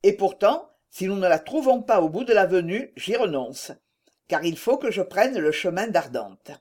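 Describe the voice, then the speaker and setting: A woman's voice: medium pitch, animated, moderate pace, darkish tone, natural voice. A woman voicing a sly, shameless rural farmer who feigns indifference, in a read-aloud story.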